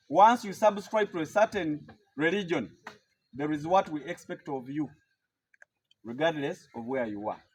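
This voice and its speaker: A man, a political speaker explaining his argument in a measured way at a press conference. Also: high-pitched.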